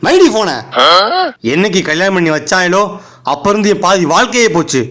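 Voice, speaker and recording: A man's voice: sits high, fairly quick, fairly bright tone. A man playing an exasperated young husband complaining to his father-in-law in a comedy skit. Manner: complaining, scolding.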